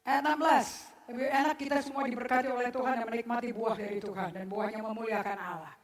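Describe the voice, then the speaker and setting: A woman preaches to her congregation at a church service, talking fast in a slightly high voice with fairly even intonation, far from the microphone in an echoing hall. She scolds bluntly, switching between formal words, slang and jokes.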